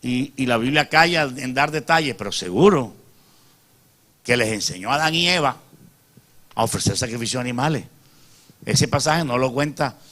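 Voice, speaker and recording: A male pastor preaching a sermon, calling out amen and asking the congregation rhetorical questions, dropping to soft asides and rising to loud emphatic peaks. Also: medium pitch.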